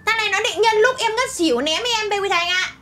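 A young woman, squealing and whining excitedly while playing a game. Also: extremely high pitch, fast talker, soft background music. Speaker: co-player. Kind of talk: playful gameplay chat.

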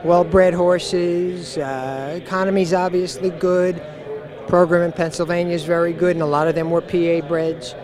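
A man with a fairly high voice gives a measured assessment with a few fillers. He is recorded at an outdoor event with a crowd murmuring behind him. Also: flat delivery. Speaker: horse industry interviewee.

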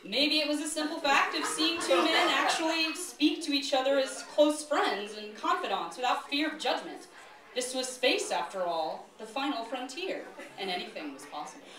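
A woman's voice: high voice, lively intonation, moderate pace, a crowd in the background. A woman giving a comic spoken word performance live on stage, reading in a theatrical, mock-dramatic way. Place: live venue indoors, an art gallery. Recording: echoey room from far off, loud audience laughter. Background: loud audience laughing.

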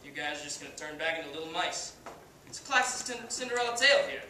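A man's voice: fairly high pitch, expressive, sharp tone. Young man acting cocky ballplayer's echoey pep speech. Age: young adult. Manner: declamatory, swaggering, deliberate pauses. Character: cocky, foul-mouthed male baseball star rallying his team. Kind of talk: halftime pep speech, audition monologue. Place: indoor hall, stage area, far camera. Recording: distant, very echoey room, faint noise.

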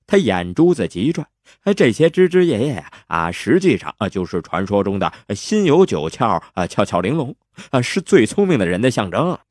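Man doing a teenage boy, cheeky, smooth-talking, flustered excuses, high put-on voice, audio drama. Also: big pitch swings, moderate pace, a little mellow, no echo, clean studio sound. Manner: flustered, evasive, talking his way out.

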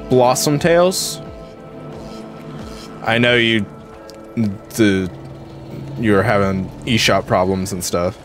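A man streaming a video game at home, chatting casually and rambling with lots of "like" and "um". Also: medium pitch. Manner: chatty and rambling, many fillers like "like" and "um". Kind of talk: casual gameplay commentary.

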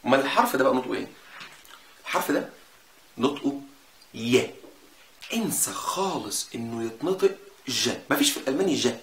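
A man with an Egyptian Arabic accent teaches in a casual, lively way and says each sound again and again to demonstrate it. He talks quickly at a middling pitch. The room echoes around him and there is faint background noise. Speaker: German language teacher. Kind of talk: casual explanatory lesson.

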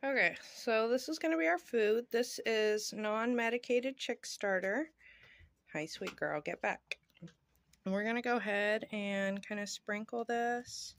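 On an outdoor porch, a thirtysomething homestead vlogger talks through a how-to in a chatty, informal way, filming on a handheld phone. Her voice is a little high and somewhat bright, a touch slow, with no room sound.

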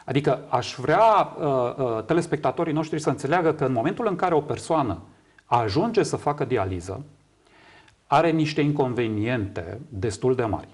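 Appearing as a guest in a small TV studio, a Romanian kidney patient advocate in his fifties explains emphatically and repeats words to draw agreement. His medium-pitched voice is expressive and darkish, with a breathy edge. He is miked with a lapel microphone indoors.

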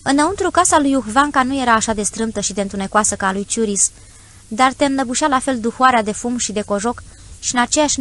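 A woman's voice: a little high, fairly bright tone. Woman narrating a classic story. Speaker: audiobook narrator. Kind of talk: scripted literary narration.

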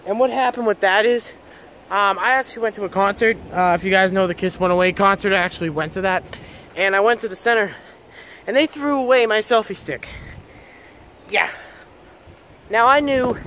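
A man's voice: high voice, a little fast, long pauses, a bit bright. A man in his twenties chatting casually and informally to his viewers as a vlogger, in a stop-and-go way while moving about. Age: 20s. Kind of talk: casual vlog chat to viewers. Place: mostly outdoors in a yard and driveway. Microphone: camera on selfie stick at arm's length. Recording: outdoor noise, handheld camera.

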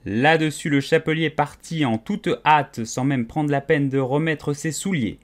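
A man narrating a storybook audiobook in a soft, measured reading voice. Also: fairly high pitch.

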